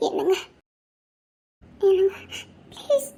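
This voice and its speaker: A woman's voice: extremely high pitch, sing-song, slow pace, gravelly, mellow, full character voice. An actress playing a frightened young woman who pleads tearfully to go home to her mother.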